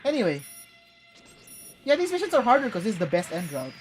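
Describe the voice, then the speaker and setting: A young Filipina streamer, a native English speaker, chats casually while playing a game, rambling with fillers and the odd swear word. Her voice is on the high side, very animated and brisk, over soft background music.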